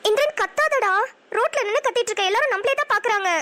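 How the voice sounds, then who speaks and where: A woman voicing a lively, bold, teasing young woman in a cartoon, brash and playful. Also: very high-pitched, heavily acted. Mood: defensive. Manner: playful, brash, quick with jokes. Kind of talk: cartoon voice acting.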